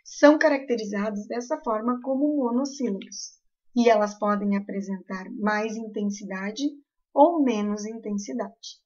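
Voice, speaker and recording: A woman teacher with a southern Brazilian accent, explaining a grammar lesson slowly and carefully to her class. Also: medium pitch, darkish tone, lo-fi sound, soft background music. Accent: southern Brazilian Portuguese.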